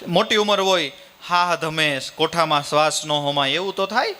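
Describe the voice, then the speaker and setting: Folksy Kathiawadi preacher telling stories. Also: male voice, a little high, moderate pace, a little hiss or hum. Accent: Kathiawadi Gujarati. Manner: folksy, animated storytelling. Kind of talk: sermon with storytelling.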